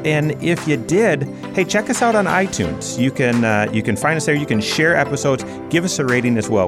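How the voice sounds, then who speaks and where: Male co-host, mid-range voice, folksy conversational hosting, clear music bed. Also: medium pitch. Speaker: podcast co-host.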